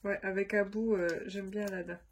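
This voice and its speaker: A woman's voice: mid-range voice, level tone, fairly quick, slight background noise. A woman vlogger chatting casually to camera, her voice nasal from a stuffy nose, rambling with many fillers. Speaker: crafts vlogger.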